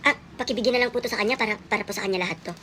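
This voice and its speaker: A woman's voice: medium pitch, rapid-fire, noisy background, voice pushed down, lightly acted. A woman playing a polite, courteous young delivery man.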